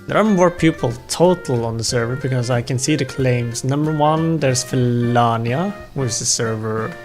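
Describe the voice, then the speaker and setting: A young man with a mid-range, slightly dark voice speaks English with a non-native accent at a moderate pace. He chats casually while streaming a game, rambling and poking fun at himself, with music in the background.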